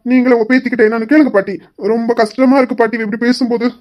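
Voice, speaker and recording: A woman's voice: fairly high pitch, level tone, a little mellow, slight background noise, lightly acted. A woman voicing a young husband who teases his wife and insists on going along with her. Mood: teasing. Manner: mock-sweet teasing, drawn-out pleading. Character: young husband, teasing and stubborn.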